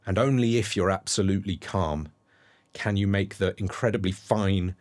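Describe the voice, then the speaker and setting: A man's voice: deep voice, steady tone, normal speed, darkish tone. A man hosting a solo football fan monologue, rambling and thinking aloud with frequent fillers and restarts. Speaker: football fan podcast host.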